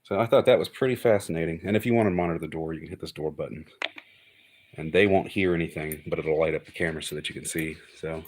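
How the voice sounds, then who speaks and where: A fast-talking man with an extremely deep voice gives an informal, unscripted demonstration of a hobby electronics piece. His explanations of the technical details are straightforward and matter-of-fact, and there's slight background noise.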